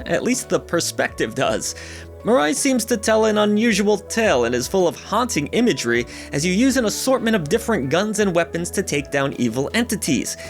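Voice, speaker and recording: Male host, upbeat and jokey, lively voice with lots of pitch movement, slightly high, music bed underneath. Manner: upbeat and jokey, with playful asides. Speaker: gaming channel host. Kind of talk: scripted game-release roundup narration. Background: background music.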